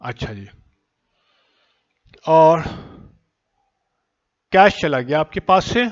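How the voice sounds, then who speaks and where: Slow-talking man with a sore throat. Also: a little high, expressive, highs cut off. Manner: speaks deliberately slowly, dictating as he writes. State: sore throat and chest, coughing. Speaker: accounting teacher. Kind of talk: slow classroom lecture while writing.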